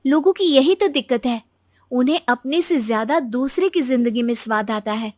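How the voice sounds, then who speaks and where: A woman playing a confident, reasonable young daughter-in-law in a cartoon story, arguing gently and earnestly. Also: high-pitched, normal speed, dry recording, clean studio sound. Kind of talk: Hindi cartoon story dubbing.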